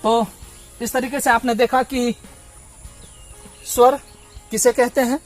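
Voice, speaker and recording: A man's voice: extremely high pitch, flat delivery, takes it slowly, faint music behind. A man from Bihar teaching a blackboard lesson, patiently sounding out vowels and explaining them step by step. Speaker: Hindi teacher.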